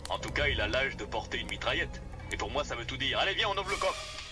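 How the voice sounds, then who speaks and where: A man's voice: mid-range voice, big pitch swings, quick pace, loud music behind the voice, natural voice. An actor playing a tough, cynical male spy in a French-language radio drama, curt, commanding and mocking. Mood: hard. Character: tough, cynical foreign male spy, menacing but pragmatic.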